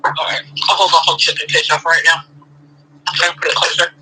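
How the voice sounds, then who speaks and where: A woman's voice: low voice, level tone, sharp tone, a little hiss or hum. A woman talking on a phone call, held away from the mic, chatting and teasing casually. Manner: joking, teasing, quick back-and-forth. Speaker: livestream co-host on a call. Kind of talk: casual chat.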